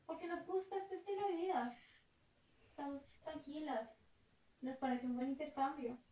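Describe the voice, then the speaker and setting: Warm and high, her voice moves at normal speed with fairly even intonation. This young Colombian Spanish-accented travel vlogger chats casually and thoughtfully, with easy laughter. The recording sounds echoey, with faint noise.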